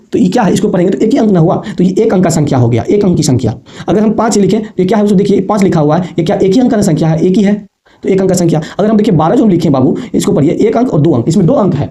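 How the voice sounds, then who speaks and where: Male maths teacher, high voice. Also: warm tone. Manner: repetitive, addresses students as babu and bachchon. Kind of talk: classroom maths lesson.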